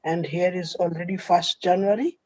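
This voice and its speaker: A man's voice: high-pitched, fairly even intonation, normal speed, darkish tone, dry recording, poor audio. A man from Bangladesh who works as a system administrator, introducing himself in a meeting with careful, plain phrasing.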